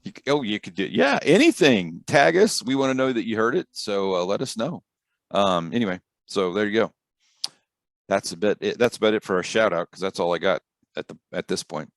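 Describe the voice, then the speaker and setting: A man's voice: fairly low pitch, lively intonation, a little fast, no room sound, studio quality. A middle-aged American man hosting a podcast in a casual, joking, informal way. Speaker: podcast host. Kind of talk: casual chat.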